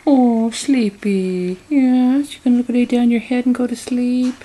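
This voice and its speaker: A woman's voice: a little high, fairly even intonation, a little slow, mellow, slight background noise. A young woman at home, using playful, coaxing baby talk with a toddler while filming on a handheld camcorder.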